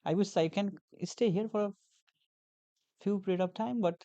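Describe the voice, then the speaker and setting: A man's voice: high voice, normal speed, mellow, dry recording, highs cut off. A young man from Nepal, a guest talking earnestly in a casual interview, repeating phrases with many fillers. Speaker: guest, graduate teaching assistant.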